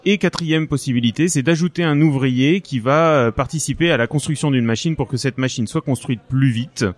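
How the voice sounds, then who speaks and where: A man's voice: medium pitch, brisk. A man reviewing a board game casually as a podcast panelist, explaining things with dryly humorous asides.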